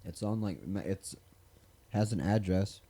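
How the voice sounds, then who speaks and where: A man's voice: low-pitched, animated, measured pace, dark tone. A man co-hosting a live podcast, laid-back and casually swearing, mostly short replies. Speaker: podcast co-host. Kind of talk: casual chat.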